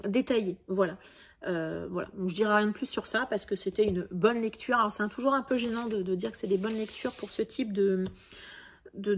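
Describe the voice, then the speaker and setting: A woman giving a casual, chatty book review, full of fillers and restarts. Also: medium pitch. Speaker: book vlogger.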